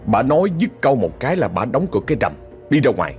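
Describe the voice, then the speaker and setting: A man with a Southern Vietnamese accent chats his way through a ghost story, talking right to his listeners and venting indignation in asides. His mid-range voice is fast, very animated, and a little mellow, with faint music in the background.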